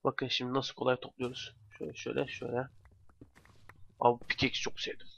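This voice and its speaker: A man's voice: mid-range voice, little pitch movement, brisk, creaky, fairly bright tone, slightly rough. A young man giving casual let's play commentary, talking to himself with bursts of exasperation. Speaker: gamer commentator. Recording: dry, dull lo-fi home mic.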